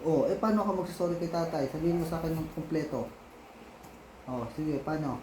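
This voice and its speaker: A father in a casual home video, patiently coaxing and gently scolding his young child, repeating his questions over and over. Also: fairly high pitch, fairly quick, echoey room, noisy background. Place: home, indoors.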